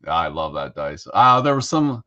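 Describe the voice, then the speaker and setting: A man co-hosting a casual hobby podcast, talking in a relaxed, rambling way with lots of fillers. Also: low-pitched, moderate pace, dull audio. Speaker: co-host.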